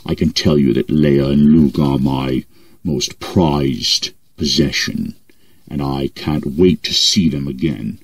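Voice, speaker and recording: A man voicing a cold, cruel masked space villain who speaks in slow, flat, imperious threats. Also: extremely low pitch, gravelly, breathy edge, pitched below the performer's own voice, exaggerated voice. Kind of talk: comedy impression sketch.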